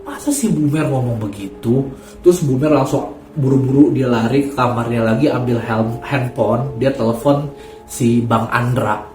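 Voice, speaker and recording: A man's voice: medium pitch, steady tone, normal speed, mellow. A man hosting a horror story channel, chatting casually and addressing his listeners directly. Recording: echoey room, faint music.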